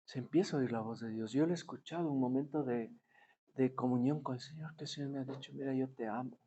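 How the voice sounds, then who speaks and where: A man preaches conversationally, often asking listeners to agree and acting out the quoted voices in his stories. His voice is mid-range, quick, and dark, on a dull lo-fi recording with slight hiss or hum.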